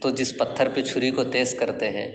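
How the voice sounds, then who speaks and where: A man with a mid-range, creaky voice and fairly even intonation teaches classical Arabic poetry in Urdu, working through each verse step by step and quizzing his students. The echoey classroom has long reverb, and a slight hiss or hum is audible.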